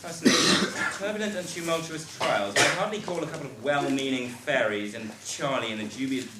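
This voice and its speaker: A man's voice: medium pitch, expressive, a little fast, lightly acted. A man playing a pompous, sarcastic pantomime narrator, telling the story in a mock-grandiose way. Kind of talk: scripted stage pantomime narration. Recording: echoey noisy hall recording.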